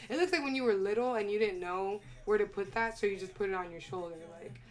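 Young woman guest chatting, opinionated, laughs a lot, mid pitch. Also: quick pace. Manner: opinionated, laughs often, emphatic "stop it". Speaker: podcast guest. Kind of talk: casual chat.

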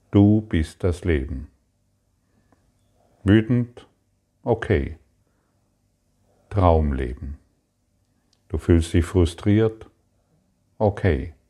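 A man giving a spoken spiritual lesson, calm and repetitive, addressing the listener directly. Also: deep voice. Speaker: spiritual teacher.

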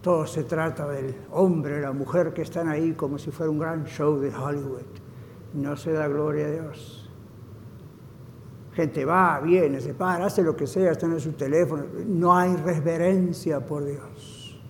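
A male pastor preaching a fervent sermon, swinging from hushed lines to loud emphasis and slipping in short English phrases. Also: fairly high pitch, fairly even intonation, unhurried, a little hiss or hum. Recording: reverberant hall.

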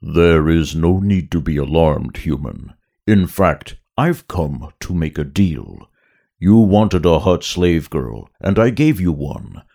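A man voicing a huge, pompous male slug gangster lord in a story reading, slow and self-satisfied. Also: deep voice, expressive, vocal fry, mellow, heavily acted. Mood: smug.

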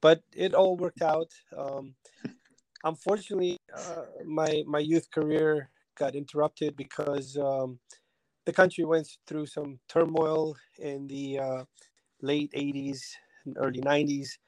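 A man in his forties from Albania, a soccer technical director, telling his story in a relaxed interview with plenty of ums and restarts. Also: fairly high pitch, a little slow, no room sound, poor audio. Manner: hesitant, many ums and restarts. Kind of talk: casual interview talk.

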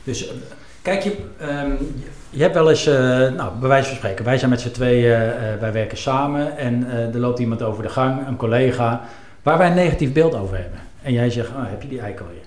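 At a moderate pace and with a slightly mellow mid-range voice, a man who once ran a club speaks thoughtfully in a conversation. He hesitates often, leaning on fillers and asking himself questions, and the recording sounds roomy with faint ambience.

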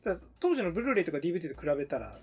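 A man's voice: on the high side, sing-song, racing, gravelly, darkish tone, husky, faint music behind. A man co-hosting a podcast in casual chat with a friend. He is chatty and often laughs while he talks. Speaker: podcast co-host. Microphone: remote recording.

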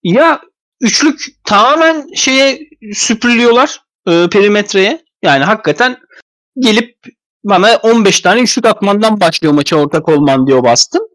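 A man's voice: sits high, animated, normal speed, a bit bright, no echo. A man sick with a cold, his voice thick and stuffy, giving casual, rambling basketball analysis as a podcast commentator. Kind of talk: casual sports analysis talk.

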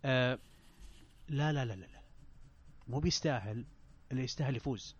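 A dull, slightly lo-fi recording of a man. He chats casually on a panel at a middling pitch, often halting and doubling back to repeat his point with insistence. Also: slightly rough, no echo. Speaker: panelist on a film discussion show. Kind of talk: casual chat.

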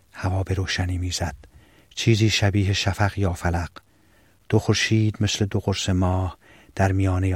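Man, audiobook narrator, scripted narration, low voice, dry close sound. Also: slightly rough, dry recording.

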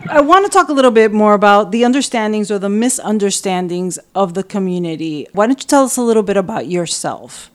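Woman podcast host doing an interview, regular mid pitch. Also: expressive, fairly quick, hardly any pauses. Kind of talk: hosting an interview.

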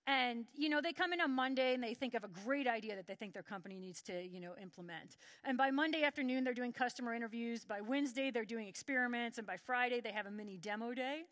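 A woman's voice: a little high, fast talker, few pauses, dry recording. A middle-aged woman giving a conference talk, telling stories and acting out what colleagues said. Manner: lively storytelling, acts out quoted colleagues. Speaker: conference speaker.

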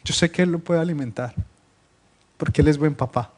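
A male pastor delivers a sermon in a slightly high voice. He reads scripture with loud emphasis, then drops to soft, joking asides to the congregation. He sounds lively and informal from the pulpit. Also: a little fast. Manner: lively, swings between loud scripture reading and quiet asides. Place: church meeting room, streamed live.

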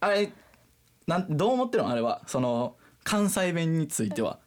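A young man from Osaka with a Kansai accent, co-hosting a casual group podcast chat in an animated, joking way. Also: fairly high pitch, normal speed. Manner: animated, jokey, drives the topic. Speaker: podcast co-host.

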